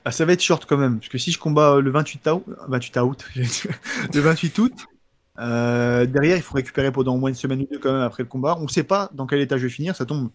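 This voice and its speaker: Fast-talking man with a slushy lisped s. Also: mid-range voice, no room sound. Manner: slight lisp, slushy sh-like s sounds; informal, halting with repeated words and slang. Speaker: professional MMA fighter answering viewer questions. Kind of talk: casual livestream chat, combat sports commentary.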